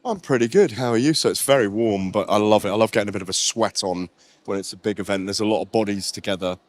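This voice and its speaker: A middle-aged man with an expansive, animated way of talking, being interviewed at a busy event and often circling back to repeat himself. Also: fairly low pitch, fast, dry recording. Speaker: interviewee on a red carpet. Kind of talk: excited casual chat.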